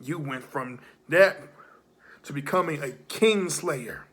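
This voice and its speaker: Slow, high-pitched man cutting a wrestling promo. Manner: theatrical, swinging between low menace and loud outbursts; addresses a rival directly, taunting. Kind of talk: dramatic wrestling promo monologue.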